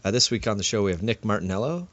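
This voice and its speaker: A podcast co-host rambles through casual chat at a racing pace, with plenty of fillers and restarts. His lowish voice is animated and fairly bright. The dry recording sounds dull and slightly lo-fi.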